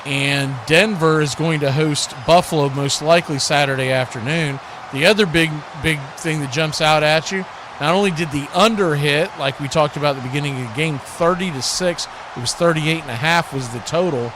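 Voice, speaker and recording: A play-by-play host with a slightly high voice calls the action for a live football watch party. He speaks at a normal pace, folksy and conversational, over steady background noise.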